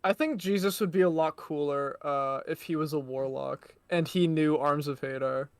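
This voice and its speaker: An excitable player chats on a tabletop game stream, swearing freely and making fun of themselves. The voice sits at a middle pitch. It is recorded dry and close, with no room sound. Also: moderate pace, clean tone, no echo. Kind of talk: casual chat during a game stream.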